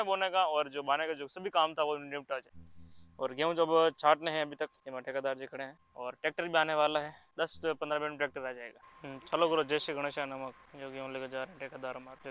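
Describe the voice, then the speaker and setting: Young male farm vlogger, quick rambling chat, bright crisp voice on a dry close handheld mic. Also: on the high side, no room sound. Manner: chatty, rambling, with restarts and fillers. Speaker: farming vlogger. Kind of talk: casual outdoor vlog narration. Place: open farm field outdoors.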